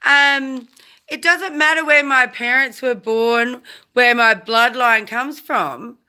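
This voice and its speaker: Bright-voiced Australian woman ranting live. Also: fairly high pitch, slow, clear, resonant tone. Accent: South Australian. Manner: animated, rambling, self-correcting, greets viewers mid-sentence. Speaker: live-stream host. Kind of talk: chatty live-stream rant.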